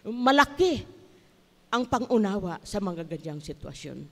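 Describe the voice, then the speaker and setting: A woman from the Philippines preaches, weaving her own testimony into the sermon. She tells it earnestly and leaps up in pitch on the points she wants to land. Her voice trails off into the long reverb of a church sanctuary. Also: sing-song, unhurried, gravelly. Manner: earnest storytelling, rising to emphatic high bursts. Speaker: church speaker. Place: church hall.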